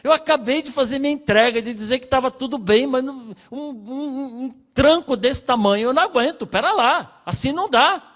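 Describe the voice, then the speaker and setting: High-voiced Brazilian pastor in a hall. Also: male voice, brisk, hardly any pauses. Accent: Brazilian Portuguese. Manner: storytelling, acting out dialogue with shifting pitch and loudness. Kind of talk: sermon testimony. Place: church hall. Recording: long reverb of a church hall.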